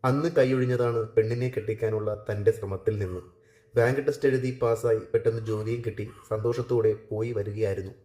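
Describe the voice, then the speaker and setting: A man narrates a written story at a steady, measured pace. His voice is low and mellow. The recording carries a noticeable room echo. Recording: echoey room.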